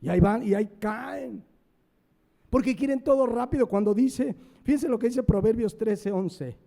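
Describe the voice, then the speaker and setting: High-voiced, mellow preacher. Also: male voice, normal speed, creaky. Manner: asks the congregation questions and answers them himself; emphatic, stresses words one by one. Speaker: pastor. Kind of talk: sermon.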